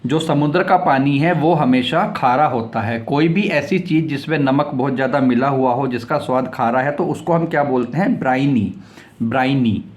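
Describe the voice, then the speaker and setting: A man teaching English vocabulary, explaining each word, spelling it out letter by letter and repeating it several times. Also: mid-range voice. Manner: spells words out letter by letter and reads example sentences slowly. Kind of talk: vocabulary lesson.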